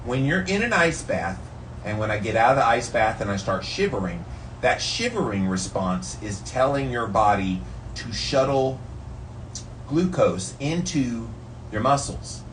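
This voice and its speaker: A man's voice: mid-range voice, very animated, a little slow, fairly bright tone. A man sitting in ice cold water, explaining things casually to his followers like a health vlogger. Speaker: vlogger sharing health tips. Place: in an ice bath, ambient noise behind. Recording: distant mic, background noise.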